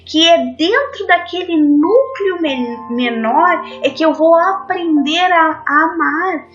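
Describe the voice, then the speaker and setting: A woman's voice: extremely high pitch, lively intonation, slow, fairly bright tone. A woman giving an earnest spiritist devotional talk, addressing her listeners as friends. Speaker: spiritist lecturer. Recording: dull lo-fi audio with faint music.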